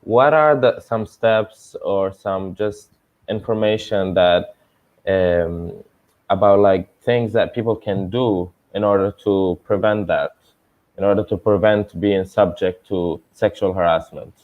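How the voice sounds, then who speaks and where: A man's voice: sits low, measured pace. A man from Iraq, asking a careful, hesitant question in an online forum. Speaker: forum participant. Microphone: video call. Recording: muffled call audio.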